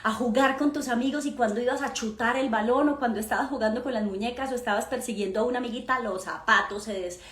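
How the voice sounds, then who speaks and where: Woman, slightly high voice, gives a warm, emphatic motivational lesson in a roomy, echoing space. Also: fast, few pauses. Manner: affectionate storytelling with diminutives and pet names; emphatic asides to the listener. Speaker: mother and personal-growth speaker. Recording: roomy echo.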